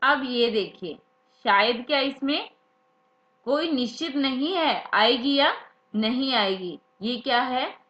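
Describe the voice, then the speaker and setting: Woman grammar teacher, fairly high voice, repeats every point as a quiz, roomy dull recording. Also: animated, fairly bright tone. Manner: slow, repeats key words as questions to students. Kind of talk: Hindi grammar lesson. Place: classroom or study room, writing examples. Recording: echoey room, dull lo-fi sound.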